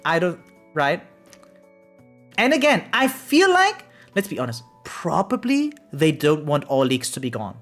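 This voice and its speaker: A variety streamer chats casually over background music, moving between reading aloud and talking. Her middle-pitched voice is animated and exclamatory, a little slow, and she often checks in with "right?"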